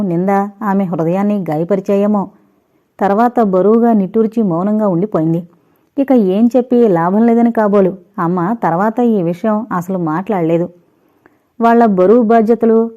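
A woman narrating a first-person audio novel in a measured, reflective storytelling manner, recorded on slightly dull, lo-fi audio. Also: mid-range voice, dark tone.

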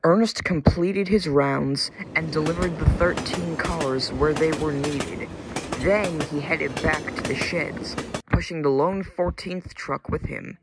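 A man's voice: a little high, slow pace, very noisy. Wry male storybook narrator. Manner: deadpan, wry asides. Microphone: phone.

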